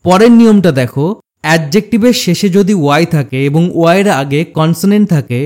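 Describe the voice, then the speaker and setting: A man teaching a grammar lesson in a steady, explanatory way, talking straight to the learner and slowing down to repeat example words. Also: on the high side. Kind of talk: scripted grammar lesson narration.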